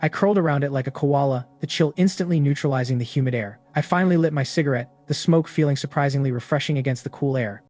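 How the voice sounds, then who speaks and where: A man narrating a story recap in the first person, in a steady, matter-of-fact way. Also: mid-range voice, quick pace, hardly any pauses.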